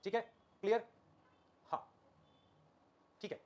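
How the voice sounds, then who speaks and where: A man teaching a biology class live online, repeating key terms and asking "okay? clear?" while calling his students children. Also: slow pace, a little mellow. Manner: addresses students affectionately as children.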